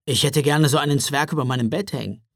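A man's voice: mid-range voice, quick pace, vocal fry, fairly bright tone, no room sound, studio quality. A man voicing Jonas, an eager, curious young boy, in a storybook reading.

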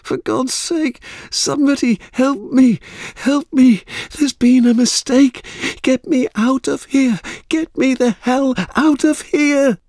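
Guy doing a trapped lady judge screaming her head off, high shrill falsetto, frantic. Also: slow pace, darkish tone, dry recording, studio quality. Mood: panicked screaming.

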